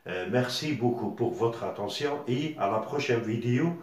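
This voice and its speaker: A man's voice: medium pitch, animated, moderate pace. A man teaching a grammar lesson, patiently spelling letters aloud and repeating each word. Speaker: primary school French teacher. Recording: very echoey bare room.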